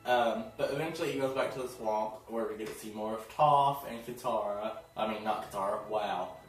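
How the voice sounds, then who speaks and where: A man's voice: lowish voice, fairly quick, far from the mic. A man giving a casual, chatty episode recap, often laughing and acting out what characters said. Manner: chatty, giggly, acts out characters' lines. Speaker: TV episode reviewer. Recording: very echoey room, voice off-mic, faint music.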